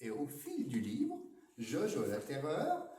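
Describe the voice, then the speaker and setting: Librarian type, a man with a high, lively voice reading picture books with play, unhurried, echoey library, mic set back. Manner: playful, animated storytelling. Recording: echoey room, mic at a distance.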